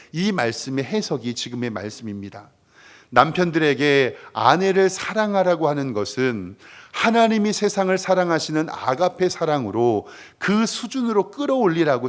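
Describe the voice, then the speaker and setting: A male pastor preaching a sermon in a church, stressing words with rising emphasis and letting phrase endings drop away. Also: mid-range voice. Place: church sanctuary.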